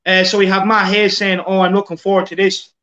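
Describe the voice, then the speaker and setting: During a relaxed football livestream, an Irish host with a high-pitched, slightly bright voice reads out comments from viewers, filling pauses with "um" and tripping over repeated words. He talks a little fast in a level tone, and the sound is dull and lo-fi.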